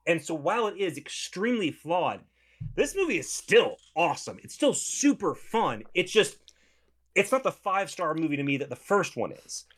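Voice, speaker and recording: Male co-host, casual film review talk, eager and restarting often, lively pitch. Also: normal speed. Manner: enthusiastic, animated, restarts often. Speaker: podcast co-host discussing a film.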